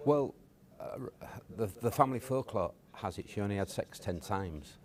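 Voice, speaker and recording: A man, a guest telling stories from his upbringing in a relaxed, hesitant way with many fillers. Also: fairly low pitch, normal speed. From Cottingham, near Hull, England. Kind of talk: casual storytelling interview.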